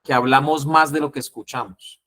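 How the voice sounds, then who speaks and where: Colombian man teaching a lively class. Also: medium pitch, normal speed. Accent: Colombian Spanish. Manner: lively, acts out calming phrases. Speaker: instructor.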